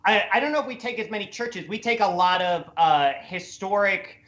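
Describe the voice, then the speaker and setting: A man's voice: sits high, moderate pace, a bit bright. A man from Minnesota hosting a comedy panel, upbeat and chatty with many fillers. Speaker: host. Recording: roomy echoey sound.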